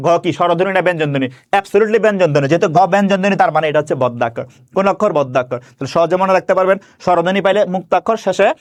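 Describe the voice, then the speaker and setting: High, fast-talking teacher. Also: male voice. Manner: asks questions and answers them himself, repeats key words; stretches words slowly when demonstrating pronunciation. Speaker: Bengali grammar teacher. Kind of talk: classroom-style grammar lesson.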